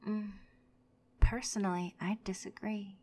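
A woman's voice: mid-range voice, steady tone, a little slow, a little mellow, natural voice. A woman voicing a vindictive jilted ex-girlfriend in an audio roleplay, often whispering as she gloats. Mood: taunting.

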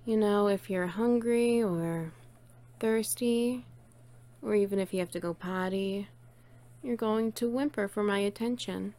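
A woman's voice: medium pitch, a little slow, dark tone, close to an everyday voice. A woman playing a playful, teasing, bossy friend in an intimate one-sided audio role-play, coaxing and doting on the listener. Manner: teasing, coaxing, cooing praise.

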